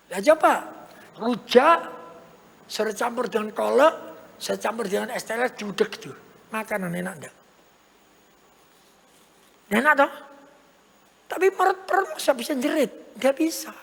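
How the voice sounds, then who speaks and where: A woman's voice: fairly high pitch, creaky, slightly rough. A woman preaching a sermon, emphatic and repetitive, often asking rhetorical questions. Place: large church hall. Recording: church hall reverb.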